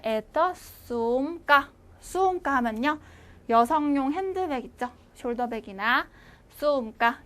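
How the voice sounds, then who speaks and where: Female instructor, high voice, speaks clearly and repeats words slowly for students to copy. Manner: slow, clear repetition for learners to follow. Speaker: language teacher. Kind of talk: online language lecture.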